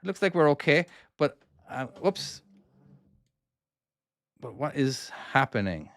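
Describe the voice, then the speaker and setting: Streaming his trucking game live, an Irish-accented man from Cork chats casually, narrating every maneuver and responding to viewers' questions. He speaks slowly at a medium pitch, with big swings in intonation and a slightly bright tone. The recording is dry.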